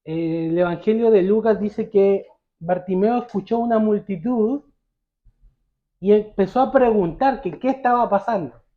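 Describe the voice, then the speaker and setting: A man's voice: sits high, a little slow, echoey room, phone-quality sound. A male pastor preaching a sermon, telling the story vividly and asking the congregation questions.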